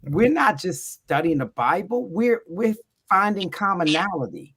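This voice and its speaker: A man's voice: high-pitched, lively intonation, unhurried, a bit bright, breathy edge. Man, church men's fellowship member; earnest panel speaker.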